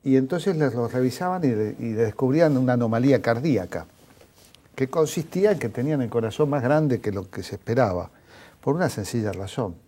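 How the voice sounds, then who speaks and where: A man's voice: medium pitch, lively intonation, brisk, dark tone, husky. A man interviewing a guest, speaking in a reflective, explanatory way. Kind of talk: cultural conversation, interviewer.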